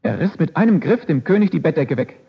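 Male preacher giving a sermon, emphatic and fairly high-pitched, muffled lo-fi sound. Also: big pitch swings, brisk, vocal fry, slight background noise. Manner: emphatic, with rhetorical questions and repeated phrases. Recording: dull lo-fi recording.

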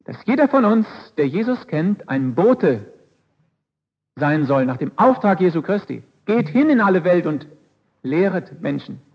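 A male preacher delivers a sermon with emphatic rhetorical questions and repeated refrains. His voice is somewhat high and husky. The recording sounds dull and lo-fi. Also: big pitch swings, a little slow.

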